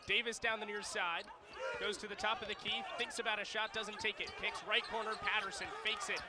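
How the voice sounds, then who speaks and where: Talking fairly quickly in a high, level voice, a man provides radio play-by-play for a basketball game. The arena is noisy with bouncing balls, and his clipped descriptions build up the standout plays.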